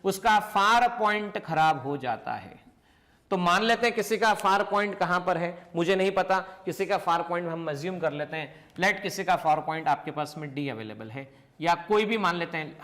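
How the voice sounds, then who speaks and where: A man teaching a physics class, asking questions and answering them himself, slowing down on key points. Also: sits high, a bit bright. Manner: slows down to stress key points. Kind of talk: classroom lecture.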